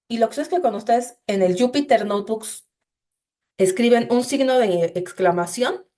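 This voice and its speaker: Woman, instructor, screen-share coding lesson, somewhat high voice, explanatory, talks straight to students. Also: darkish tone. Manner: explanatory, addresses students directly with frequent "entonces".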